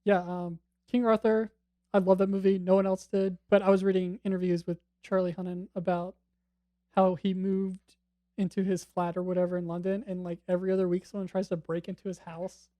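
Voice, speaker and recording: Woman co-host, mellow dark voice, playful gushing fan talk, dry sound. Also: lowish voice, little pitch movement, a little fast, no echo. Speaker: podcast co-host. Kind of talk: casual chat.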